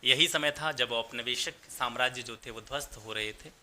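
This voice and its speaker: Male exam-prep lecturer, crisp ringing tone, methodical explainer who doubles up key terms. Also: mid-range voice, moderate pace, bright, forceful tone. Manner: explanatory, mixes English terms, repeats points in Hindi. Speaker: history teacher.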